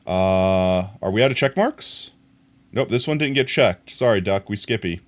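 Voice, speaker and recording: A man streaming live, chatting to his viewers and riffing on funny clips in a relaxed, amused way. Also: fairly low pitch, normal speed, a little hiss or hum. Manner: chatty, amused, talks to chat. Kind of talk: casual live-stream commentary.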